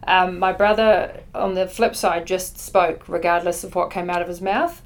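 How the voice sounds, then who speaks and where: A middle-aged woman with a lowish voice and a New Zealand accent gives conversational answers as a podcast guest, speaking at a moderate pace. A company chief executive and native Dutch speaker, she was born in the Netherlands and grew up in New Zealand.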